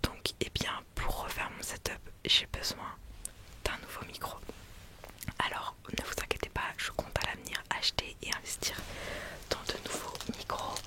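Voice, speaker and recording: A woman whispers in a breathy, unvoiced ASMR style into a close condenser microphone, chatting casually and gushingly as she presents an unboxing. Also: moderate pace, sharp tone. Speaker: ASMR video creator and streamer. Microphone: close USB condenser microphone.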